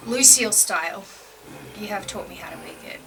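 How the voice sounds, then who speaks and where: A woman's voice: fairly low pitch, fairly even intonation, racing, vocal fry, background noise. A woman playing a tabletop game, talking in character in a friendly, chatty way. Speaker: player. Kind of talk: in-character tabletop role-play. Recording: distant mic with background music.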